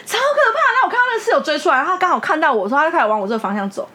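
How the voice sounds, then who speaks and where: A woman's voice: high voice, rapid-fire. A woman with a Taiwanese Mandarin accent, telling a story animatedly in a casual podcast chat and laughing often. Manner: animated, laughing storyteller, acts out quoted voices. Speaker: podcast co-host.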